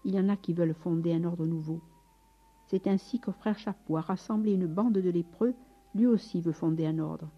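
A woman's voice: on the low side, normal speed, husky, soft background music. A woman reading aloud the lines of an agitated young male friar who pleads urgently, in a storybook, on a dull recording.

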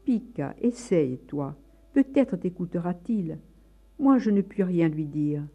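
A reader voicing a grieving, desperate father in a read-aloud story, in a very dark, mellow voice on a dull recording. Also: medium pitch, lively intonation, slow pace, soft background music. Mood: pleading. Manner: pleading, anguished.

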